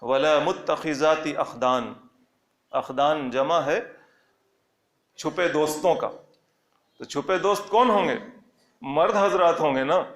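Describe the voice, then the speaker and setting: A man with a fairly high voice gives a religious lesson, reciting a scripture line and then unpacking it with emphatic, repeated phrases. His voice rings in a noticeably echoey room. He sounds like a teacher walking listeners through a text. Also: long pauses. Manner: explains verse by verse, reciting Arabic lines then rephrasing them. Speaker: Quran teacher.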